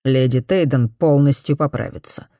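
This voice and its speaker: A woman reading an audiobook, voicing a blunt, matter-of-fact male doctor in a slightly lower voice. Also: moderate pace, dark tone, dry recording, studio quality. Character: blunt plain-spoken male country doctor.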